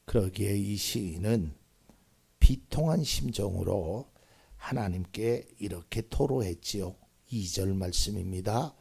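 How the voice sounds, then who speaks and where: A man preaching a sermon as pastor. He shifts from hushed whispers to loud, emphatic cries and keeps asking the congregation questions. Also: lowish voice, creaky, husky.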